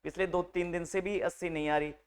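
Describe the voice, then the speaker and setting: A man teaching a live nursing class to a room of students, lively and teasing, mixing English medical terms into his speech. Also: high voice, fairly quick, smooth. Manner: animated, teasing, mixes Hindi with English terms.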